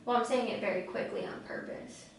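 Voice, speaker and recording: A podcast co-host with a slightly high voice talks fairly quickly in casual, rambling chat, leaning heavily on "like" as a filler. Slight background noise comes through, and the space is very echoey with a distant mic.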